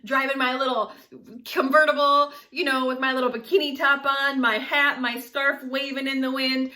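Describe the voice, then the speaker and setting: Speaking casually to camera at a normal speed, a woman around forty chats with her audience as a vlogger, animated and often laughing. Her voice is high, bright, and forward-placed.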